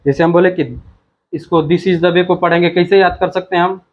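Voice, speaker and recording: A man's voice: high-pitched, level tone, dull audio. A male teacher explaining a textbook lesson, repeating himself and reading words out one by one. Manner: slow, repetitive, reads words out one by one.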